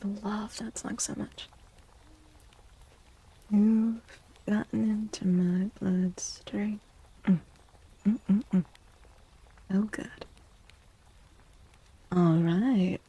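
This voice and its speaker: Here the ASMR tarot streamer's voice is mid-range and steady, very slow and full of pauses, and the audio is poor. She speaks softly into a close microphone, frequently whispering breathily, with a playful, cutesy warmth.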